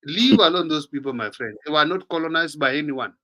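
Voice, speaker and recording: Kenyan male talk-show host, bright and forceful, lively and chatty, mixing languages. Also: on the high side, a little fast. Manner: animated, switches between English and Swahili, mimics others. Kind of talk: casual panel talk.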